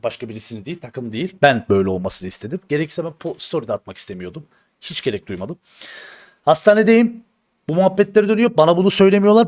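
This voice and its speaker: Man, live streamer, slightly high voice, heated and blunt, swears, repeats himself, talks straight to viewers. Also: darkish tone. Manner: addresses the audience directly, repeats himself for emphasis. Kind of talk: casual stream talk to viewers.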